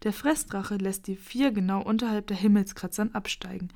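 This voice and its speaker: A woman's voice: medium pitch, moderate pace. Woman reading a children's story. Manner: lively, expressive.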